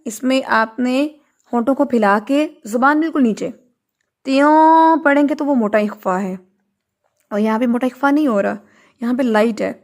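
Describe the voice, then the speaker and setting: A woman's voice: high-pitched, darkish tone. A woman teaching Quran recitation online, patiently correcting students and chanting verses to show how they should sound.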